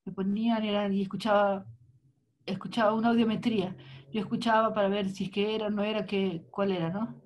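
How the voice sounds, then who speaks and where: A woman voicing a live interpretation in the first person, with halting phrasing and restarts. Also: medium pitch, little pitch movement, darkish tone, slight background noise. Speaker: sign language interpreter.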